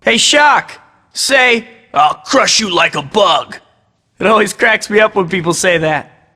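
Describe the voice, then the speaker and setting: A man's voice: high voice, pushed and bright, full character voice. A young man voicing a quippy, upbeat superhero in a video game, firing off sarcastic one-liners. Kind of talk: game voice clips. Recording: long reverb on the game audio.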